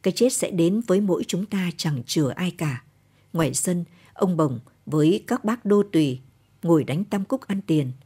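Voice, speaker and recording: A woman with a Northern Vietnamese accent reading a short story aloud in a calm, even late-night storytelling manner. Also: on the low side, moderate pace, breathy edge. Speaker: story reader. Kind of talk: scripted narration of a short story.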